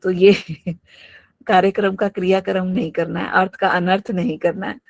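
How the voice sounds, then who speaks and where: A woman's voice: on the low side, level tone, moderate pace, vocal fry, dry recording. A woman teacher giving an online class lecture, explaining each term through worked examples, mixing in English terms and often saying "absolutely". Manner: mixes English terms into her talk.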